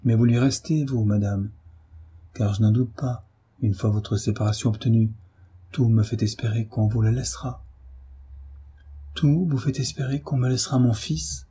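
An earnest middle-aged doctor presses his point with grave urgency, as a male audiobook reader plays him. His voice is deep-toned, dark and heavily husky. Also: fairly even intonation, normal speed, pauses often. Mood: urgent. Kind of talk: audiobook reading.

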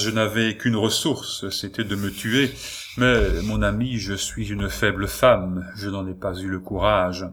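A man's voice: lowish voice, a bit bright. A man voicing a frail, plaintive young woman. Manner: plaintive, lamenting. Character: frail, frightened young noblewoman.

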